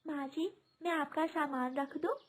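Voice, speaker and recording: A woman voicing a meek, newly married young female sparrow in a cartoon, gentle and pleading. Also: sits high, steady tone, unhurried, a little hiss or hum, voice pushed up.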